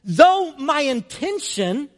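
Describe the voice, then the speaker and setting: A man's voice: very high voice, sing-song, slow pace. A young man preaching a conversational sermon in a storytelling way, often using "like" as a filler.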